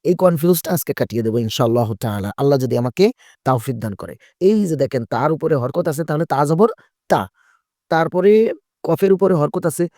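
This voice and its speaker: Male Quran teacher, patient and repetitive, a touch high-voiced, dry close sound. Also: dark tone, dry recording. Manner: patient, repetitive, asks and answers his own questions. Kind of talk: tajweed lesson, spelling out letters.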